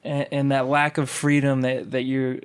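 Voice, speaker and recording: A man hosting a podcast, asking his guest questions in a measured, deliberate way. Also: mid-range voice, monotone, clear, resonant tone. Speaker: podcast host. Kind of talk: interview questions.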